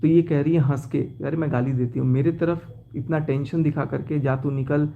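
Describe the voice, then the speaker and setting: A man's voice: fairly high pitch, steady tone, moderate pace, vocal fry, narrow, tinny audio, a little hiss or hum. A young man talking to his viewers from his car, agitated as he recounts a betrayal in a personal vlog. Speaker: vlogger.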